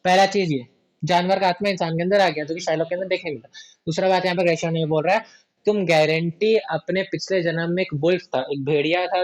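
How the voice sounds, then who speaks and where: A male teacher giving a chatty classroom literature lesson who keeps asking students about doubts and reads verse very slowly. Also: high-pitched.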